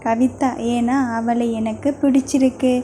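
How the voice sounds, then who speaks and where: A woman's voice: a little high, little pitch movement, a little slow, dark tone, a little hiss or hum, close to an everyday voice. A woman reading as a teasing younger sister. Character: playful affectionate younger sister. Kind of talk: audio novel reading.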